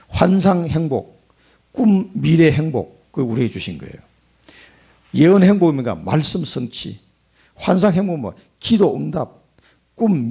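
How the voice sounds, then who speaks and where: A man preaching a sermon in a gravelly, husky voice. His pitch sits a little high and swings widely, rising and falling with emphatic bursts. He speaks as a pastor in a church sanctuary. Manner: emphatic preaching with sudden rises and drops in pitch and loudness.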